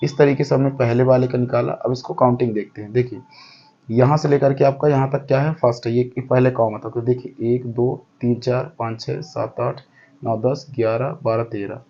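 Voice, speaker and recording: Gravelly, dark-voiced male teacher. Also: mid-range voice, fairly even intonation, moderate pace, muffled recording. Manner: step-by-step, counting aloud, often checks understanding. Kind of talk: explaining a lesson.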